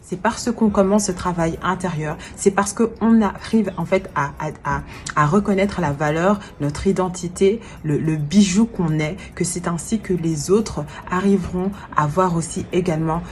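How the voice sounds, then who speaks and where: A woman's voice: fairly low pitch, normal speed, soft background music. A woman in her twenties, a life coach, giving an earnest and reflective personal video message while she searches for her words. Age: 20s. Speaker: life coach and event planner.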